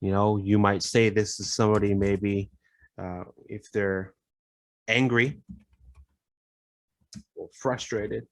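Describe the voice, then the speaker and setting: A man teaching a casual English vocabulary lesson, repeating phrases and filling pauses with "you know". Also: on the low side, fairly even intonation, no echo.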